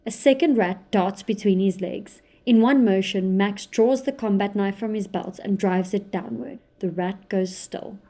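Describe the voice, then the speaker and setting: A woman narrates a scripted audio drama in a measured, descriptive way. Her mid-range voice has a mellow, darker tone.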